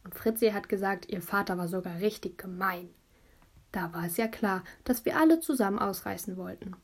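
A woman narrating a children's audiobook in a lively storytelling voice, telling it as a child would. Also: mid-range voice, fairly quick, husky.

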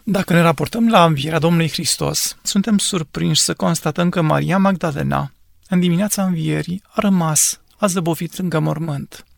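High-voiced pastor with a gravelly edge. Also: male voice, no echo, studio quality. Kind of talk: biblical teaching answering questions.

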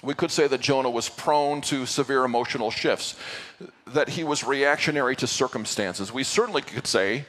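A man's voice: medium pitch, normal speed, a bit bright. Man preaching in a reverberant church. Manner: earnest, with playful asides. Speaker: pastor. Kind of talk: sermon. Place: church sanctuary.

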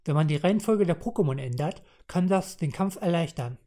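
A man's voice: a little high, expressive, brisk, warm tone, pitched above the performer's own voice, close to an everyday voice. Man doing an eager young know-it-all fan. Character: helpful young man with glasses.

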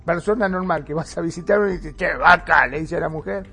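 A man with a Rioplatense Spanish accent, chatting casually as co-host and telling a story in a lively way. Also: a little high, quick pace, gravelly, soft background music. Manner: animated storyteller, acts out quoted shouts. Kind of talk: casual chat.

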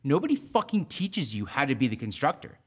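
A man's voice: medium pitch, big pitch swings, a little fast, breathy edge. A Canadian man, a general contractor, ranting in a casual podcast chat and swearing freely. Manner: swears a lot, heated ranting.

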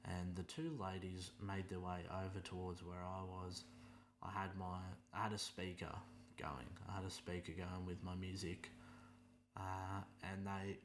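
Australian man, young adult, very deep voice, casual rant, sarcastic, faint hum behind. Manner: exasperated, sarcastic, swears freely.

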